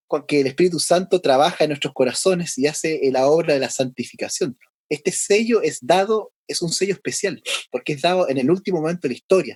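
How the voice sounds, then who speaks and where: A male pastor giving a conversational Bible lesson, often pausing for tag questions and restarting his sentences. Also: on the high side, darkish tone, husky, no room sound. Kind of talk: sermon.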